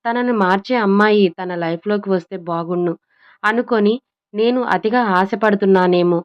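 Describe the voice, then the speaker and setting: ఒక మహిళ కొడుకు గురించి బాధపడే మధ్యవయసు తల్లి పాత్రను చేస్తోంది. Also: female voice, mid-range voice, normal speed, clean tone, lo-fi sound, close to an everyday voice. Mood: worried. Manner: worried inner monologue. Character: worried middle-aged mother, sad and helpless.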